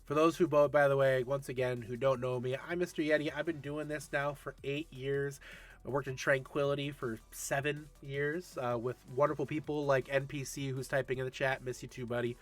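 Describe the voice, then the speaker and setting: A man's voice: mid-range voice, level tone, a little fast. A man in his late thirties hosting a casual livestream Q&A for an esports league, chatty and laughing often while answering chat. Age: 30s.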